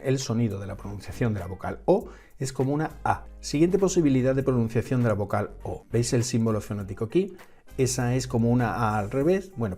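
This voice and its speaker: Man, Peninsular Spanish accent, mellow voice, patient teacher, repeats example words, faint music behind. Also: medium pitch. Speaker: English pronunciation teacher. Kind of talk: scripted lesson.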